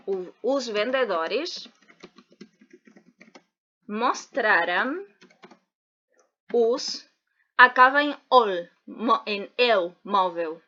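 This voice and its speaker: A woman teacher explains plural endings in a slow, deliberate online lesson, spelling out letters one by one. Her voice is bright and a little high. The video audio sounds dull and lo-fi.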